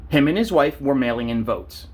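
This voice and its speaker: A man's voice: medium pitch, lively intonation, normal speed, a little mellow, breathy edge. A man ranting on a vlog, blunt and profane, telling stories and asking rhetorical questions. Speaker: vlogger.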